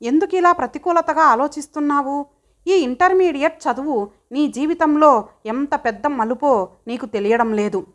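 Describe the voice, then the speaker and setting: A woman's voice: high voice, moderate pace, voice pushed up, lightly acted. A woman voicing a caring middle-aged mother who lectures her son in a pleading tone.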